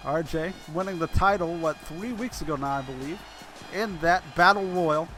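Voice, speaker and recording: A high, bright male voice calls a wrestling card with runaway excitement, fumbling names and hastily correcting himself. Faint entrance music hums behind him. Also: moderate pace. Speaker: play-by-play commentator. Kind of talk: wrestling commentary.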